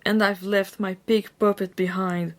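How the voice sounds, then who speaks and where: A woman's voice: medium pitch, little pitch movement, measured pace, lightly acted. A woman voicing a stubborn, earnest young girl from a storybook with dramatic stage delivery. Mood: worried.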